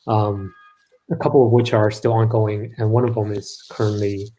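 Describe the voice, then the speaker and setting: A man's voice: on the low side, flat delivery, moderate pace, mellow, poor audio. A man originally from Los Angeles, a startup founder speaking as a guest in a casual online conversation, with many ums as he explains. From Los Angeles, California. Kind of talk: live online event conversation.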